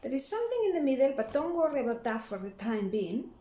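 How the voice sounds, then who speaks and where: A woman's voice: sits high, very animated, fast, dark tone, a little hiss or hum. A woman teaching a language lesson, explaining patiently step by step. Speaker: Spanish tutor. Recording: roomy echo.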